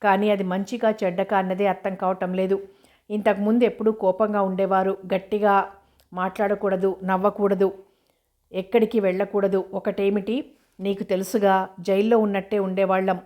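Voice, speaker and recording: A woman reading as a shy young woman, anxious and earnest, speaking in a flat, even voice. The reading is steady and level, as in a storybook read aloud. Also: medium pitch, moderate pace, close to an everyday voice. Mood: troubled.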